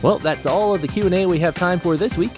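A man hosting a science podcast, answering listener comments and explaining calmly and clearly. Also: high-pitched, fast talker, over music. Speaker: podcast host.

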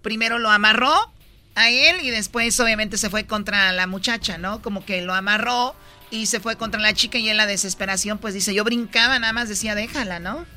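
A man's voice: high-pitched, steady tone, normal speed, sharp tone. A man hosting a radio show, chatting and relaying a news story to listeners. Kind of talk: radio morning show chat.

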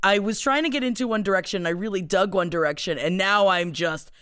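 A woman's voice: mid-range voice, fairly quick, fairly bright tone, smooth, no echo, clean studio sound. A woman in her thirties hosting a podcast, joking and rambling through a promo and casual chat. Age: 30s. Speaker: podcast host.

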